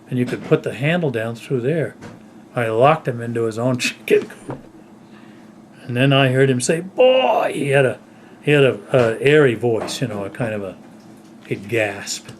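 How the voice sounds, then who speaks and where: An older man at home casually telling stories from his childhood, unhurried and rambling, often trailing off softly at the end of a phrase. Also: fairly low pitch, a little hiss or hum. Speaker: storyteller recalling his childhood.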